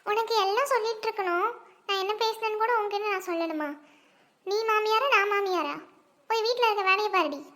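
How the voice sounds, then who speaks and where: A woman playing a weepy, sharp-tongued middle-aged mother-in-law in a comedy sketch, wailing and scolding in a high, whiny voice. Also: level tone, quick pace, vocal fry, heavily acted.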